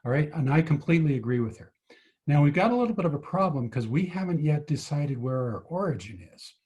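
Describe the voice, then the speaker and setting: A man's voice: a little high, animated, fast talker, darkish tone. A man tutoring physics over a video call, patiently explaining each step and asking his students questions. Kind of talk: online tutoring lesson.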